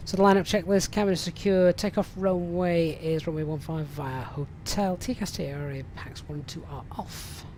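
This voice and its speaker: A man flying an airliner simulator live, giving brisk procedural cockpit callouts and commentary. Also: fairly high pitch, fairly even intonation, a little mellow, slight background noise.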